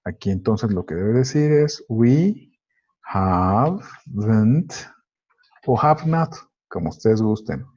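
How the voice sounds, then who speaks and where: Man, Spanish native speaker, grammar lesson, unhurried methodical explaining, husky voice, muffled lo-fi recording. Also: fairly low pitch, expressive, a little mellow. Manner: slow, methodical, explains step by step. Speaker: English teacher. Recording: dull lo-fi recording.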